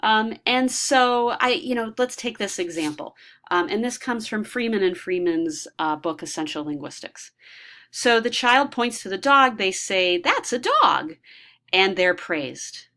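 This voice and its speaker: A woman's voice: medium pitch, animated, measured pace, bright, forceful tone. A woman giving a recorded lecture, explaining ideas step by step with frequent ums and restarts.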